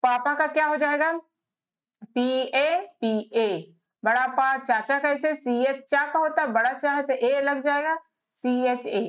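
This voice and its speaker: A woman teaching a spelling lesson, spelling out letters one by one in a slow, patient way. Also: sits high. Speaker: English teacher. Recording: slightly dull lo-fi recording.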